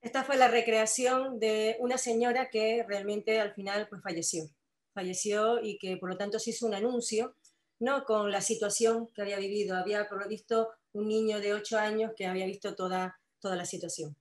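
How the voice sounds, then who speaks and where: A woman giving a conference talk, explaining her points deliberately. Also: medium pitch, steady tone, reverberant. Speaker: lecturer.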